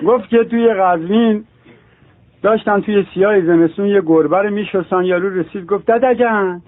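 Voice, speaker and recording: A man telling a string of jokes in a lively way, voicing the characters in them. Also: sits high. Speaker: joke teller. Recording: tinny phone-like radio sound.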